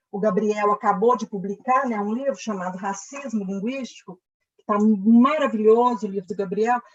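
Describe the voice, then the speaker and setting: A Brazilian woman professor makes her points in an emphatic, earnest lecturing manner, tagging her sentences with quick checks on the listener. Her voice sits a little high. The sound is slightly muffled, like audio streamed over a video call. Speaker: linguistics professor. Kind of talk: live online discussion.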